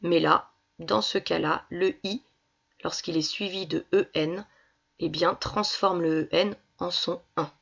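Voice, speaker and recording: A woman's voice: on the low side, fairly even intonation, unhurried, gravelly, a bit bright, husky. A woman primary school teacher giving a reading lesson to young children, patiently sounding out syllables. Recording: dull lo-fi recording.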